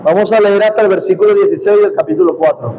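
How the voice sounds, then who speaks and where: Man, pastor, high mellow voice, measured solemn phrasing, church teaching style, muffled audio. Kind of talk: church class with Bible reading and prayer. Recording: dull, muffled audio with faint rumbling noise.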